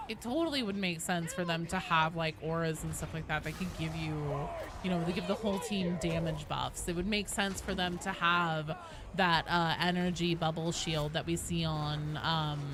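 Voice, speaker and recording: On her livestream, a woman who streams games answers viewers' chat in a casual, enthusiastic, opinionated way with some casual swearing. Her voice runs on the low side, with background noise present.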